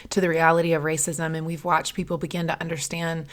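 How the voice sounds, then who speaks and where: A tired-sounding woman hosting a podcast in a hoarse, raspy voice like a smoker's, speaking conversationally and earnestly. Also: sits low, level tone, fast talker. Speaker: podcast host.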